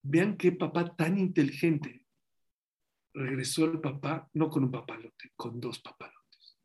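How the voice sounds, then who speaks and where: A man preaches a sermon and tells lively stories. His voice sits a little high for a man. He acts out the people in his anecdotes as he goes. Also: a little slow. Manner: animated storyteller, acts out voices in quotes. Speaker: rabbi.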